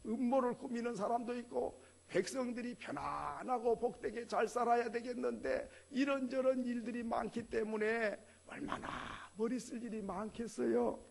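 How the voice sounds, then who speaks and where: High-pitched gravelly-voiced male preacher. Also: normal speed, few pauses. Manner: conversational preaching, rhetorical questions. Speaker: pastor. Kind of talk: sermon.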